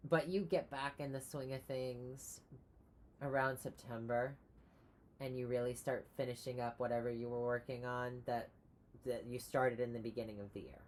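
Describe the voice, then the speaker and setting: A woman giving a casual tarot reading, rambling with many pauses and restarts. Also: a bass voice, fairly even intonation, darkish tone, slight background noise. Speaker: tarot reader.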